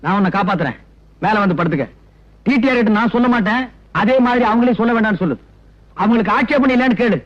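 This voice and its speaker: An actor playing a blustering, cowardly middle-aged train passenger in a comedy film, talking with loud, whining bickering. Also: male voice, high voice, fast. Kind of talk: 1990s film comedy acting. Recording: dull film soundtrack.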